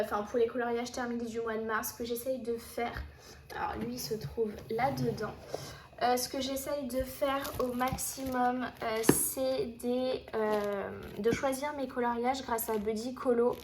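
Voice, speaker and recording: A woman's voice: a little high, noisy background. A woman chatting casually to camera about her finished coloring pages, with many fillers and restarts. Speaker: coloring hobby vlogger.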